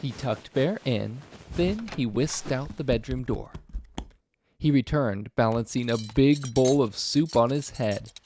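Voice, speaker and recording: Reading a children's picture book aloud, a man tells the story expressively. His voice is medium in pitch and unhurried, with a little background noise in the recording.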